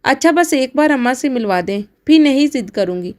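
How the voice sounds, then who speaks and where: A woman's voice: high-pitched, animated. Woman voicing a desperate young bride. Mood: pleading. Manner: emotional, pleading. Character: young bride, pleading and defiant.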